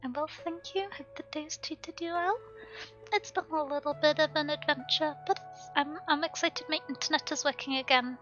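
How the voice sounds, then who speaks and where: A woman's voice: sits high, fairly even intonation, normal speed, a bit bright, dull audio, soft background music. A woman chatting casually to viewers on a game livestream in a cute, bubbly, giggly anime-streamer manner.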